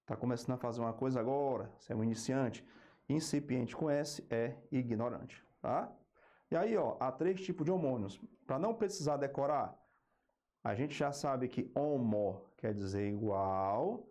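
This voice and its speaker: A Brazilian man teaching an exam-prep grammar lesson, slowing down to spell out key terms and checking in with a quick "ok?" between points. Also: mid-range voice, warm tone. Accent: Brazilian Portuguese.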